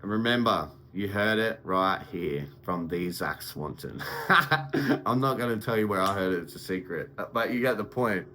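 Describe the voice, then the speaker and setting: A man's voice: on the low side, moderate pace, sharp tone, rough recording. Man swearing through a heated pep talk. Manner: heavy swearing, gets heated and emphatic. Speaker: motivational vlogger. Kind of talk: unscripted motivational monologue.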